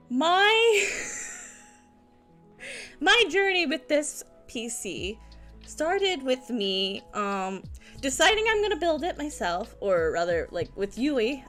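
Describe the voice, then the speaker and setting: A woman chatting casually on a live stream in a cute, girlish anime-streamer manner, giggly, expressive and playfully dramatic. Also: high voice. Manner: giggly, frequently breaking into laughter.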